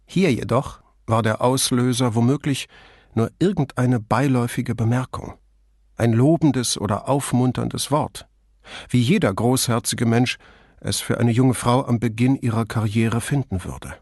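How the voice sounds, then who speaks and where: A man reads an audiobook in a measured, even storytelling voice. His pitch is ordinary for a man. He is recorded close to the microphone in a dry studio. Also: dry recording. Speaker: audiobook narrator. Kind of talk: scripted audiobook narration.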